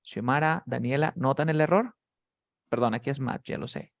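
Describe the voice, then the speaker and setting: Speaking at normal speed with a medium pitch and some vocal fry, a man runs a live online English lesson for beginners. He's patient, drilling vocabulary and calling on students individually by name. The recording is close and dry, free of room echo.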